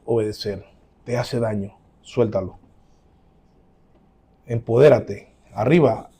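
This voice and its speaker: Gravelly-voiced pastor preaching emphatically. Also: male voice, fairly low pitch, slow, a little hiss or hum. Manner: emphatic preaching with quoted voices and sudden loud rises. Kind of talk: sermon; closing prayer.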